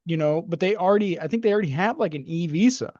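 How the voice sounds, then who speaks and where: A man from the United States, co-hosting a podcast, talks fast in a high, darkish voice while rambling through his opinions with many fillers and hesitations. The sound is dull, with no room sound.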